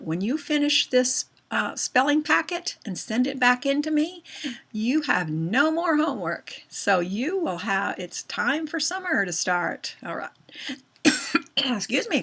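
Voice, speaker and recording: A woman teacher giving a recorded grammar lesson, patient and slow, often checking in with questions to her students. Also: on the high side, fairly bright tone, breathy edge.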